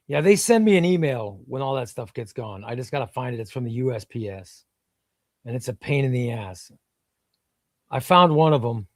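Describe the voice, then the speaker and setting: With lively intonation and a moderate pace, this mid-range male voice is recorded in studio quality without any echo. The speaker is a comic book seller and livestream host from Illinois, originally a Spanish speaker, who casually rambles through viewer comments and swears a bit.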